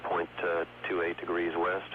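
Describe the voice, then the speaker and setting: Deep-voiced man calling status over radio. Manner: measured, steady status calls. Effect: crackly radio loop transmission. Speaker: mission control commentator. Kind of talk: live launch commentary. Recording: muffled archival radio audio with loud music.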